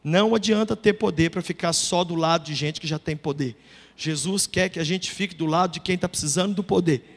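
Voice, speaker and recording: A middle-aged man from Brazil preaching a sermon testimony, telling a story animatedly and acting out the voices with bursts of loud emphasis. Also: fairly high pitch, fairly quick. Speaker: pastor. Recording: reverberant hall.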